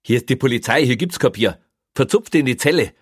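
A man doing a gruff village cop. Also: mid-range voice, animated, fast, no echo, studio quality, voice pushed up. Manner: curt, dismissive. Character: gruff, lazy small-town male police officer.

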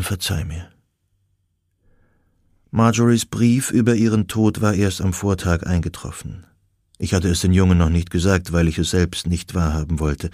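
A man reading a historical novel aloud in the first person, in a measured, even narrating manner. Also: sits low, dry recording, studio quality. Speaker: audiobook narrator.

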